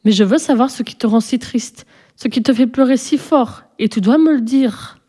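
A woman reading aloud and voicing a gentle but firm mother in a storybook, measured and gently admonishing. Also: a little high, husky. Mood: questioning.

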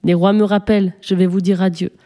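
A woman's voice: medium pitch, flat delivery, a little fast, dark tone, natural voice. A woman voicing a grateful male shark-man sea creature from a storybook, speaking in an earnest, reproachful way. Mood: joyful.

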